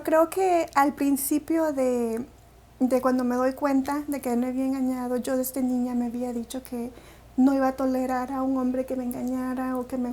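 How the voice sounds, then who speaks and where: A woman's voice: sits high, darkish tone. A woman from El Salvador with a Salvadoran Spanish accent, an interview guest telling her personal story in a reflective way, with many fillers and restarts.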